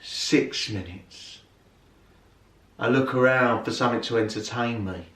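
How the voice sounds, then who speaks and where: A man storyteller from England performing a spoken story with lively, rhythmic repetition. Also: medium pitch, a little slow. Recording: roomy, from far off.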